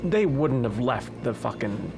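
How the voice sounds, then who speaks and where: A man's voice: medium pitch, lively intonation, measured pace, background noise. A man playing a game and commentating casually, muttering to himself and swearing now and then. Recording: loud game music behind.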